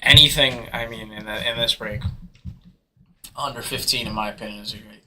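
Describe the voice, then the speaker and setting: A man hosting a live sports card break, calling auction bids in hyped, fast patter. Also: mid-range voice, fairly even intonation, noisy background. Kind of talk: live sales commentary.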